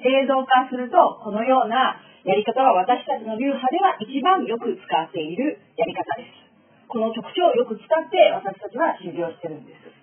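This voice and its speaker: A woman's voice: a little high, lively intonation, moderate pace, a little hiss or hum. A woman teaching a spiritual school's lesson in a spoken lecture, explaining with acted-out examples. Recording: tinny phone-like sound.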